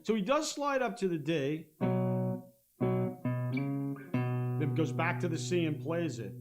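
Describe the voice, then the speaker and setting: High-voiced man teaching guitar. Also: sing-song, moderate pace. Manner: explains step by step, hums rhythms, checks in with "okay?". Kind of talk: live-stream guitar lesson. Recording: guitar playing loudly behind. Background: guitar playing and looper.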